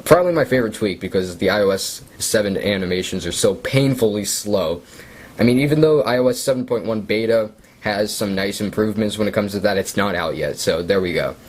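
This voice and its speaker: A young man casually walking through his device setup, relaxed and chatty with self-deprecating asides. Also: on the low side, fairly quick. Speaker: tech video creator. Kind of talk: casual screen-recorded walkthrough.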